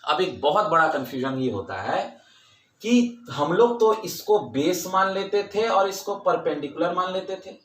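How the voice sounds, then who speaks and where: A male teacher with a high, bright voice explains things slowly and deliberately. He repeats his key points with emphasis and slips English terms into his Hindi. The recording has a noticeable room echo. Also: big pitch swings. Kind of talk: classroom lecture.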